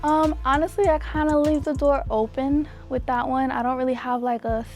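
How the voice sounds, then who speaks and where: A woman's voice: high voice, normal speed, faint music behind. Young woman singer chatting casually. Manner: relaxed, frequent "like" and "um" fillers. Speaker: R&B singer, guest. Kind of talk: casual interview chat.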